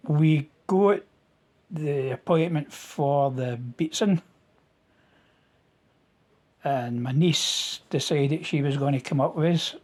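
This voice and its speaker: A man with a Scottish accent telling his own story in a plain-spoken, halting way, with restarts and local words. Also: medium pitch. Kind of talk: casual storytelling to camera.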